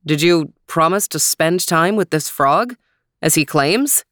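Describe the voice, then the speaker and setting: A stern storybook king, brusque with his daughter, read by a woman who pitches a little lower than her narration. His lines come out curt and dismissive, dry and close. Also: expressive, unhurried, a bit bright, no room sound.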